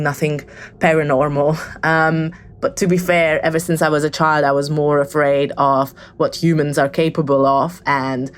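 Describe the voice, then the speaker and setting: Over a little hiss or hum, a low-voiced woman from Hungary recounts a true story on someone's voicemail. She hesitates often, restarting sentences and filling gaps with ums.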